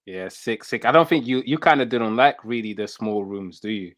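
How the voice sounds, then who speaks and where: A man's voice: fairly low pitch, expressive, normal speed, fairly bright tone. A man in his thirties hosting a casual interview on a headset, putting his questions in a hesitant, rambling way. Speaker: host. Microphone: headset on a video call.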